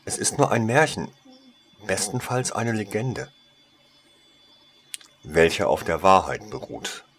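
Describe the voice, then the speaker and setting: A man voicing a female wand shop saleswoman who talks with eager, servile flattery in a storybook reading. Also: fairly low pitch, slow, slight background noise, heavily acted.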